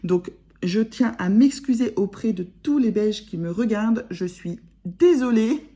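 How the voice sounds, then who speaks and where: A woman with a northern French accent chatting casually to her viewers in a vlog, self-mocking and quick to laugh. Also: mid-range voice, animated, warm tone. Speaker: vlogger. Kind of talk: casual chat to camera.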